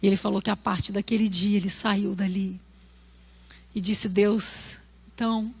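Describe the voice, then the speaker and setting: A woman pastor with a Brazilian Portuguese accent preaching a sermon at a church service, telling stories and acting out quotes, at times rising to a shout. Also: mid-range voice, level tone, moderate pace, vocal fry, slightly rough.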